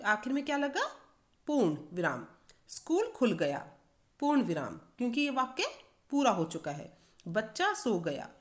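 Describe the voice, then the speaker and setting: Lively-voiced woman teaching Hindi grammar. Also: medium pitch. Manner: repeats and asks the class questions. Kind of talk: online grammar lesson for children.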